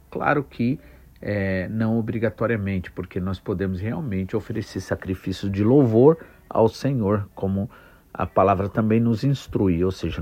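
A man praying and then preaching, unhurried, with frequent pauses and fillers. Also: lowish voice, darkish tone, dull audio. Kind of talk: prayer and sermon.

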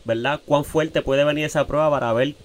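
A man's voice: a little high, fairly even intonation, normal speed. A man with a Puerto Rican accent hosting a podcast, chatting casually and answering his guest with short affirming remarks. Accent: Puerto Rican Spanish. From Puerto Rico. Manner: reactive, affirming with short interjections. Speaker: podcast host.

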